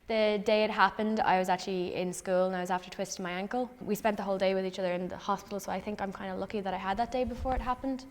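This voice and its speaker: Brief: young woman interviewee, composed, brisk flat delivery. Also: medium pitch, in a large hall. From Ireland. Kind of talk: documentary interview.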